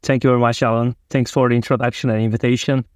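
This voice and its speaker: A man's voice: medium pitch, level tone, fast talker, no echo. Turkish-accented man, dry close sound. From Turkey. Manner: earnest, loosely phrased non-native English. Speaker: guest. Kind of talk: remote interview.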